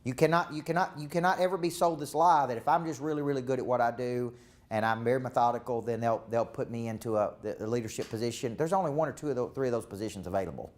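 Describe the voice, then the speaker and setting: A leadership coach with a Southern accent gives a live seminar talk in a medium-pitched voice at a quick pace. He is emphatic and repetitive, speaking with a preacher-like cadence.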